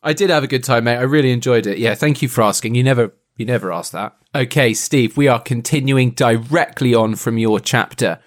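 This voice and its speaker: A man's voice: mid-range voice, brisk, hardly any pauses. Guy on a podcast, jokey and teasing, retelling a book, mid voice. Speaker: podcast co-host, reader. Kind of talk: casual podcast chat and retelling.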